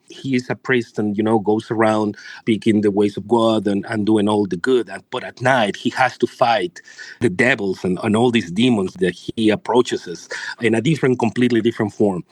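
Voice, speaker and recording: A man's voice: mid-range voice, no echo. Mexican-accented man, dry close sound. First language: Spanish. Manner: rambling, enthusiastic. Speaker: comic book publisher. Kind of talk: interview answers.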